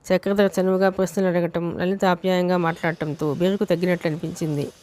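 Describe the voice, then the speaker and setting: A woman's voice: on the low side, level tone, fast, a little mellow, slight background noise. A woman narrating a romance novel audiobook with a Telugu accent, reading steadily and voicing each character's dialogue herself.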